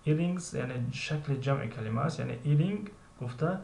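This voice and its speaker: A man with a Tajik accent teaching English, reading English lines slowly and explaining them with frequent hesitations. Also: mid-range voice, animated, vocal fry, a little mellow. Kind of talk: recorded language lesson. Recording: echoey room with faint ambient noise.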